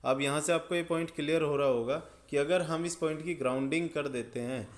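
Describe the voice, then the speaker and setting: A man explaining electrical circuits step by step as a tutor, checking often that the listener follows. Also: fairly high pitch. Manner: step-by-step, checks understanding with "ठीक है". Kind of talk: explaining circuits at a drawing board.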